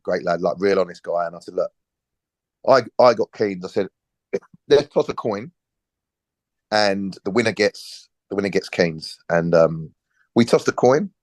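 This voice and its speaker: A man in his forties, a former footballer and podcast guest, telling a relaxed story and acting out the dialogue. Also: deep voice, no echo. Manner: lively storyteller, acts out quoted dialogue, frequent restarts.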